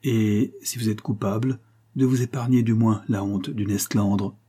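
A man's voice: lowish voice, steady tone, measured pace, mellow, husky. A man voicing an emotional middle-aged widow in a read-aloud story, with pleading, anguished delivery.

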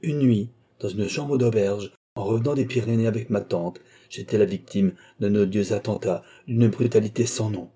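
A man voicing a long-suffering wife and mother who stands up to her husband, in a dark, husky voice raised a little above his own. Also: fairly low pitch, moderate pace, hardly any pauses. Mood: indignant. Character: wife, a resigned mother, now defiant, a woman of middle age.

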